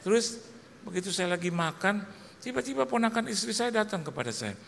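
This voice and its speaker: A man's voice: sits high, animated, a little fast, gravelly. A man, a pastor, preaching a sermon and telling a comic story, acting out the other people in it with voices. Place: church hall. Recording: long echo of a large hall, faint noise.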